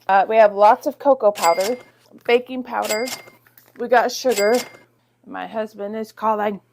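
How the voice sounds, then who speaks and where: A woman's voice: a little high, noisy background. A young American woman with a congested voice, chatting casually in her home kitchen as a vlogger, talking to herself while she works. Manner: chatty, self-deprecating, talks to herself while working. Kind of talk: casual chat vlog.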